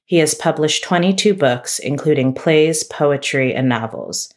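Woman host, low voice, measured scripted delivery, arts podcast interviewer. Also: lively intonation. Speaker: guest host, gallery director.

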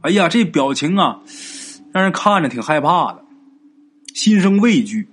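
A man's voice: very animated, normal speed, fairly bright tone, breathy edge. A man, casually telling a ghost story and acting out the characters' lines. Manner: colloquial, acts out characters' lines with big pitch jumps.

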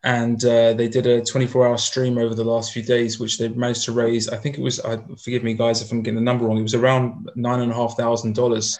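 A man's voice: medium pitch, monotone, quick pace, few pauses, a little mellow. A man hosting a podcast, asking long winding questions full of fillers. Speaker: podcast host. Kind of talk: podcast interview.

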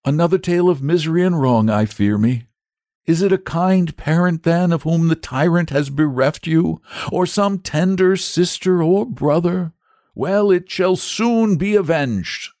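A man's voice: a little high, unhurried, a little mellow, dry recording, studio quality, pitched above the performer's own voice, lightly acted. A man voicing a courteous, somewhat pompous knight in a raised, declaiming voice. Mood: grand, kindly. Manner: grand and courteous. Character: kindly, pompous knight-saint, adult man.

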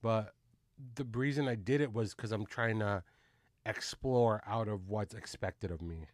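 A man's voice: lowish voice, unhurried, no room sound, studio quality. Laid-back slangy man hosting a podcast. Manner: laid-back, slangy and profane, lots of "you know what I mean". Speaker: podcast host. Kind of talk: casual podcast chat.

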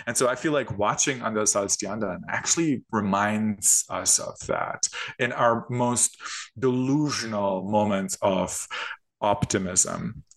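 A man's voice: fairly low pitch, vocal fry, a bit bright. A man, an author and queer studies scholar, speaking in an interview with thoughtful, hedging academic phrasing.

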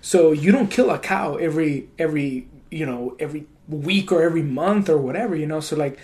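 Podcast host, young man raised in Mexico, slightly high voice, loose slangy delivery. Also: a little fast, darkish tone. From Mexico (Durango). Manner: casual, laid-back, heavy slang and swearing. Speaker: comedian and video creator, podcast host. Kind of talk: casual podcast chat.

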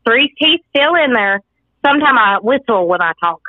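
A woman voicing a cheeky backwoods Kentucky hillbilly caller with missing front teeth and a folksy, deadpan delivery. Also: on the high side, normal speed, close to an everyday voice. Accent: Kentucky Appalachian. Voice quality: gap-toothed speech from missing front teeth. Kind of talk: comic in-character phone call. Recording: dull lo-fi call audio.

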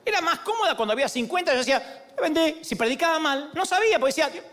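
A man's voice: extremely high pitch, very animated, racing, a bit bright. A man preaching a sermon in a humorous, storytelling way, acting out the voices of the people in his stories.

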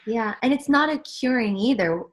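A Swiss spiritual teacher appears on a reflective podcast, her voice a little high and expressive at a normal speed. She speaks earnestly about her path, repeatedly starting sentences over as she looks for words.

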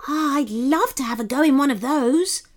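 A woman voicing a gleeful, reckless male sloth in a children's story, high and whooping. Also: very slow, exaggerated voice. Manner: high excited whooping delivery. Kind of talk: storybook read-aloud.

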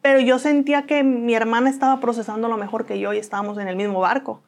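A woman's voice: on the high side, fairly even intonation, fast. A woman with a Mexican accent, a guest in an interview, telling her own story earnestly and acting out the voices of people she quotes.

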